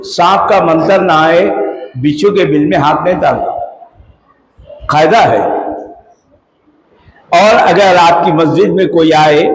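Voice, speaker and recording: A man's voice: on the high side, a little hiss or hum. A man with a Hyderabadi Urdu accent giving a religious lecture on Islamic law in a mosque, talking conversationally and quizzing his listeners. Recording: echoey hall.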